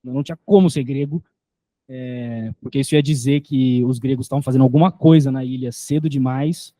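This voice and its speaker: Guy teaching a class, really dark mellow voice, keeps checking the listeners follow. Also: medium pitch, fairly even intonation, a little fast. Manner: explanatory, checks in with listeners often. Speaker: lecturer. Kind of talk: recorded lecture.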